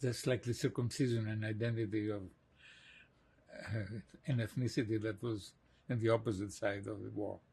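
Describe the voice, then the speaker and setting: A man in his eighties from Greece, slowly and reflectively recalling his childhood in an oral history interview, with soft laughs. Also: on the low side, fairly even intonation, creaky, husky. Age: 80s.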